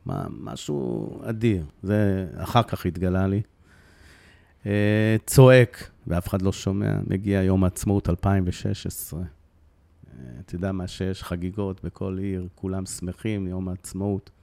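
A middle-aged man telling, with deep emotion, the story of losing his son, often repeating phrases for emphasis. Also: flat delivery, vocal fry, warm tone, dry recording. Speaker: guest, bereaved father.

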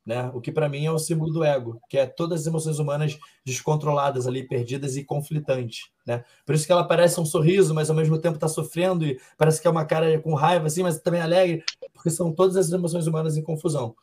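Calm, reflective Brazilian young man. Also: a little high, fast talker, hardly any pauses. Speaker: MMA fighter guest. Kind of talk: casual interview answers.

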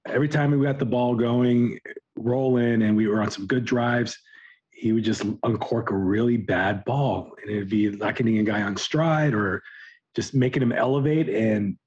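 A man co-hosts a casual sports show with a slightly raspy, mid-pitched voice. He is critical and opinionated, on somewhat dull, lo-fi audio. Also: normal speed, darkish tone. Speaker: podcast co-host.

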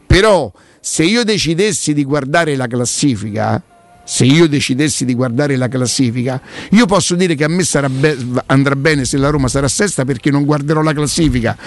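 A man with a Roman accent talking animatedly about sport as a radio host, emphatic and insistently repeating his phrases. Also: fairly high pitch.

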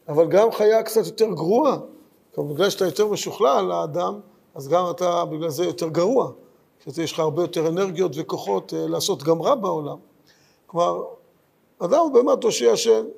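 A man's voice: high voice, gravelly, darkish tone. A man teaching a Midrash study lesson, thinking aloud in short, searching phrases. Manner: thoughtful, searching for words, speaks in short phrases. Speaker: Torah teacher.

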